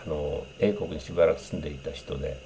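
A man's voice: extremely low pitch, fairly even intonation, quick pace, mellow, slight background noise. A man explaining English greetings in a casual lesson, thinking aloud with many fillers and breaking into example phrases in English. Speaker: English teacher.

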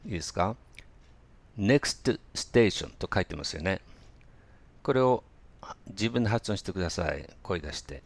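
A man teaching English pronunciation in a relaxed spoken lesson, pausing often with fillers and slowly demonstrating phrases for listeners to repeat. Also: low voice. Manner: hesitant, many fillers, slow drilled demonstrations.

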